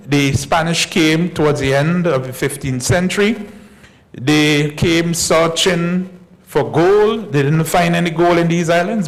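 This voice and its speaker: A man lectures as a historian at a conference. His voice sits a touch high, with a gravelly edge. He speaks in a measured way and repeats key points slowly. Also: low-quality recording. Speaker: historian giving a conference talk. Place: conference hall.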